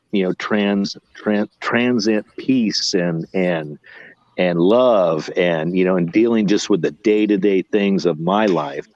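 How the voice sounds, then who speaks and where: A man in his fifties in a casual chat, rambling and halting, often restarting his sentences. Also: sits low, darkish tone, no echo. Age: 50s. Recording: dull lo-fi audio.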